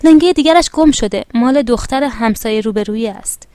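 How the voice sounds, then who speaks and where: A woman voicing a poor one-legged boy who is shy and proud, speaking quietly and earnestly. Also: a little high, smooth, lightly acted.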